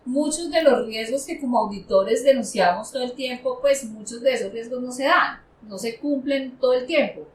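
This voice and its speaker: A fairly high-voiced woman from Colombia, an accountant and auditor, talking casually on a panel. She is animated and acts out the people she quotes. Her voice sits a little away from the mic in an echoey room with a faint hiss. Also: moderate pace, hardly any pauses, far from the mic.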